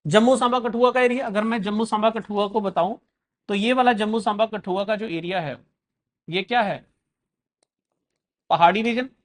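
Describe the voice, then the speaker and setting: High-voiced male tutor. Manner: addresses viewers as guys, mixes English phrases in, quizzes the class. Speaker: exam coaching teacher. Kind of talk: classroom geography lecture.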